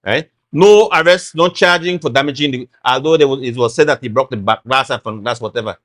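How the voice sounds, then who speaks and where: A man's voice: mid-range voice, brisk, a bit bright. A middle-aged Belizean man, a former party chairman, speaking as a guest in a talk show interview, making his points with emphasis and repetition. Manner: emphatic, repeats points, acts out quotes.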